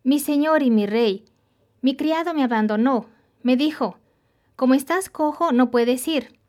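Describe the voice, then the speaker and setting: A woman's voice: high voice, a little slow, darkish tone. A woman voicing a humble lame man pleading his loyalty before the king.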